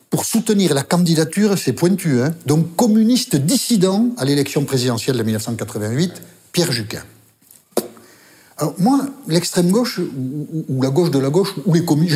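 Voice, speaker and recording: Older man, Basque accent, animated raconteur, slightly high voice, salty casual storyteller. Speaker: journalist. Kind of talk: interview storytelling.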